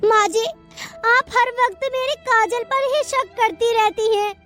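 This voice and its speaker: Brief: a voice actor as a protective cartoon mother, very high voice, soft reassurance. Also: fairly even intonation, measured pace, over music. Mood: defensive. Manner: soothing to her child, resentful to elders. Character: doting mother, defensive of her own daughter. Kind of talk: cartoon story voice acting.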